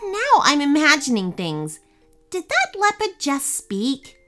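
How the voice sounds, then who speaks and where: A woman's voice: sits high, huge pitch swings, takes it slowly, bright, forceful tone, faint music behind, voice pushed up, exaggerated voice. A woman voicing a young girl explorer who is hopeful and believes in magic, speaking earnestly.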